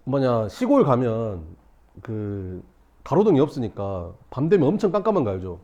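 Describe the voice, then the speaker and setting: A male teacher telling a class a story, acting out shouts and screams and laughing as he goes. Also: medium pitch, huge pitch swings, moderate pace, lo-fi sound. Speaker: math teacher.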